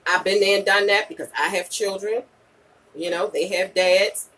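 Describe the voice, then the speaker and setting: This late-40s vlogger and podcaster, talking live with her audience, has a mid-range, steady and somewhat bright voice at a moderate pace. She offers frank advice in casual slang, stressing and repeating points with "okay?" and "you know," while the distant mic yields low-quality audio.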